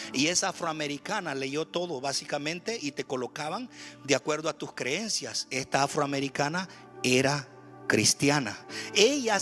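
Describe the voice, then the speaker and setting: Salvadoran male pastor, high-pitched and sharp-toned, lively sermon voice mixing exhortation and humor. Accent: Salvadoran Spanish. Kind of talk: church sermon. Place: church sanctuary.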